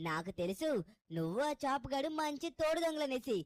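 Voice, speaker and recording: A woman playing a cartoon little girl with a high voice who scolds with dramatic indignation. The recording is dry and close to the mic. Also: big pitch swings, brisk, dry recording. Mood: scolding.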